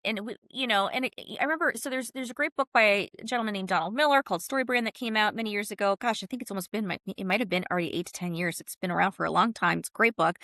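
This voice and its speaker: A woman with a medium-pitched, fairly bright voice, recorded clean in a studio with no room sound. She's a brand consultant and author appearing as an interview guest, explaining ideas conversationally in an emphatic, punchy style sprinkled with colloquial asides.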